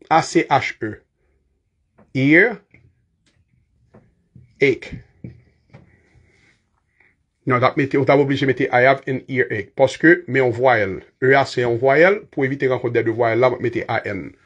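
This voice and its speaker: A man's voice: mid-range voice, fairly quick, hardly any pauses, lo-fi sound. A man with a Haitian accent teaching English body-part words in a casual lesson, chatty, laughing often and spelling words out letter by letter.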